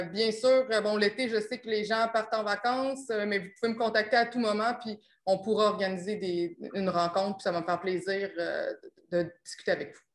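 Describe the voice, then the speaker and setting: A woman's voice: mid-range voice, echoey room. A woman researcher from Quebec with a Québécois accent, presenting a seminar over a video call, with many fillers and restarts. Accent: Québécois French. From Quebec, Chaudière-Appalaches region. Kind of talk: academic talk and Q&A on a video call.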